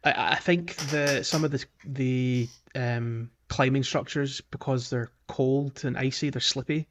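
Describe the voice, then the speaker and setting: A man co-hosts a casual gaming podcast in a medium-pitched, steady voice at a measured pace. He often hesitates and corrects or rephrases himself as he speaks. Slight background noise is present.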